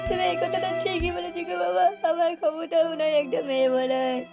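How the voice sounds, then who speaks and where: A high-pitched, foul-mouthed cartoon boy grumbles and whines, meek but boastful, as a woman puts him on. Music plays behind the voice. It has the feel of a homemade cartoon dub. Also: fairly quick, vocal fry. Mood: plaintive. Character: hapless young son, boastful yet meek.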